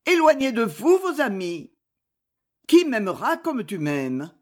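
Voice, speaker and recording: A woman's voice: fairly high pitch, wildly swooping pitch, slow pace, pitched above the performer's own voice, heavily acted. A woman doing a frail old marquis. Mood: tender. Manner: urgent, pleading. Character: frail, lovestruck elderly marquis.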